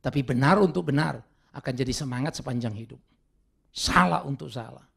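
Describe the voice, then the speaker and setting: A male pastor preaching a sermon in an animated way. He slips English words into his talk and acts out the people he quotes. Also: mid-range voice, a little fast, creaky, slightly rough.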